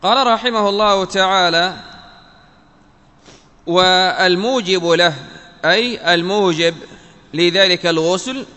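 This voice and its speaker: A man with a rather high, bright and clear voice delivers a classical text commentary lesson. He speaks in measured, deliberate phrases, one piece at a time. The sound rings with a long hall reverb. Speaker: religious teacher.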